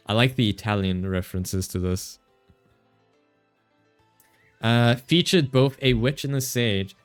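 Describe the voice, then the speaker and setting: A man streaming a game, chatting playfully with his chat, teasing and laughing, stumbling as he reads game text aloud. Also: mid-range voice. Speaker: VTuber streamer. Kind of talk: casual gaming livestream chat.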